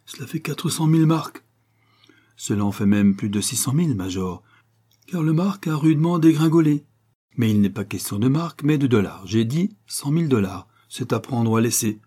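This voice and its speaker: A man voicing a cool, ironic English lord who bargains with unhurried self-assurance in a storybook reading. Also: mid-range voice, expressive, warm tone, husky. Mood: mocking.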